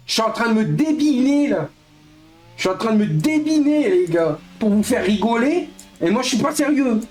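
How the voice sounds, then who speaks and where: An excitable man in his thirties chatting through a live racing-game stream, swearing and joking at his own expense. His pitch leaps up and down constantly. Faint music plays underneath. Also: echoey room. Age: 30s. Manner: excitable, swearing, playful self-mockery. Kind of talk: casual live-stream gaming chat.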